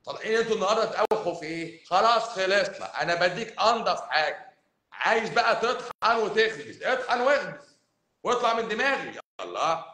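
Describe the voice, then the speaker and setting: A man from Cairo with an Egyptian accent, a doctor talking bluntly and emphatically to viewers on a livestream, swinging between loud and hushed. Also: sits high, expressive, fast, roomy sound, rough recording. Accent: Egyptian Arabic, Cairo. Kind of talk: livestream talk answering viewers.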